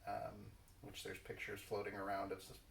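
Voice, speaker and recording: A man with a fairly low voice talks casually in a halting, understated manner. He is recorded some way from the mic in an echoey room. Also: monotone, creaky, far from the mic. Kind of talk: casual chat, Q&A.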